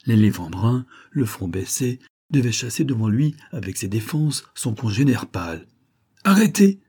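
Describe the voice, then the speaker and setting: A man reading an adventure novel aloud as an audiobook narrator, measured and dramatic. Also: fairly low pitch, lively intonation, mellow, slightly rough.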